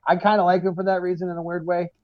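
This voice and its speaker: A man's voice: high voice, level tone, rapid-fire, no room sound. A man co-hosting a casual podcast chat, blunt and emphatic with heavy swearing. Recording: dull, dry sound.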